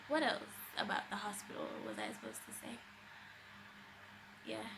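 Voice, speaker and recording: Against a noisy background, a young adult woman with a Jamaican accent and a mid-range voice chats expressively about a personal story for her vlog, her conversational delivery emphatic and casual.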